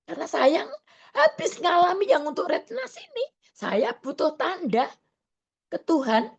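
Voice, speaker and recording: A woman evangelist preaching a sermon over an online video call, earnest and slow, often stopping on fillers and correcting herself. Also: very high voice, very animated, creaky, muffled recording.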